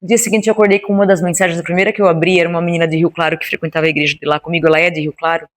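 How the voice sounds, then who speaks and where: A woman's voice: fairly low pitch, very fast. A woman being interviewed about her project, telling a story casually and acting out the dialogue in it. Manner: animated, acts out the dialogue in her stories. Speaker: interview guest, founder of a women's Bible study.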